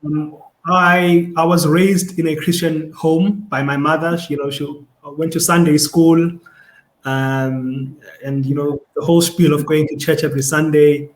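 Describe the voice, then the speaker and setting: A man's voice: on the high side, flat delivery, unhurried, reverberant, poor audio. A young man with a South African Xhosa accent, a podcast guest talking in a thoughtful, casual way and often repeating words as he searches for them. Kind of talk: casual conversation.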